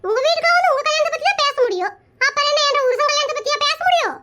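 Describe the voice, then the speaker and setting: Pushy rambling cartoon auntie, talks super fast. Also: female voice, very high-pitched, lively intonation, sharp tone, full character voice. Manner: brash, nosy, rambling. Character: pushy chatty married village aunt matchmaker. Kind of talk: cartoon comedy voice acting.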